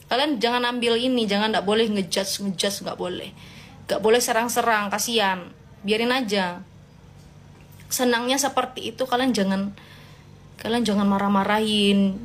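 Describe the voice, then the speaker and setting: A woman's voice: medium pitch, a little hiss or hum. A woman hosting a casual live stream, reading viewer comments aloud and answering them in a playful, motherly way. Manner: gently scolding, motherly tone to followers.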